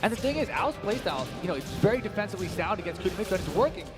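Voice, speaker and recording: Rapid-fire and very animated, this high-voiced man commentates on a fighting game tournament, trading analysis with a co-commentator over background music.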